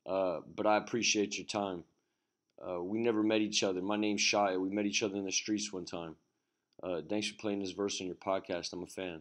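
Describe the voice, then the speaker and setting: A man's voice: sits low, level tone, normal speed. A man who calls himself not a rapper delivers an aggressive, taunting battle-rap verse, recorded as a voice note on his phone over a beat. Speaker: amateur rapper sending in a verse. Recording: loud noisy phone voice memo.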